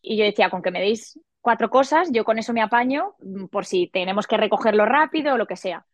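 Fast-talking woman telling a story. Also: no room sound. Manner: animated, acts out quoted dialogue in a higher voice. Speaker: podcast guest. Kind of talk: casual storytelling.

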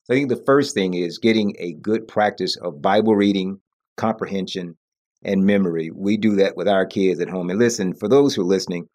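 A man with a very deep voice speaks as a pastor in a panel conversation. He talks in a sermon-like, emphatic way and often stops to rephrase himself. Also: brisk, a little mellow. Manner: sermon-like, emphatic, self-correcting. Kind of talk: conversational church podcast discussion.

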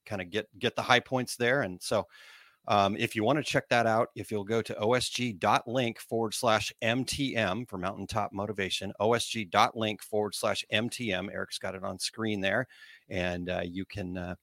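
Podcast co-host, male, Missouri accent, slightly low register, dry sound, easygoing casual chat. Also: fairly even intonation, normal speed, a bit bright, dry recording. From Missouri, United States.

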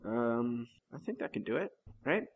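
A man's voice: medium pitch, sing-song, normal speed. A man co-hosting a podcast in a casual chat, hesitant, full of fillers and trailing off mid-thought. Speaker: podcast co-host.

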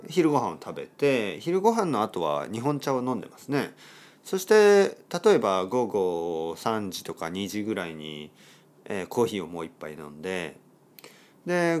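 A man from Japan hosts a podcast for language learners, with a pitch that swings up and down in a lively way. He talks in plain, simple words, repeats key terms, and pauses on soft fillers. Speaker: podcast host teaching Japanese. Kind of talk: simple spoken explanation for learners.

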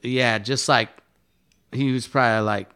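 A man's voice: medium pitch, fairly even intonation, a little slow, sharp tone, clean tone. A man, a guest artist, telling a long story in a casual, rambling and profane way, with many fillers. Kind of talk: casual storytelling in a podcast interview.

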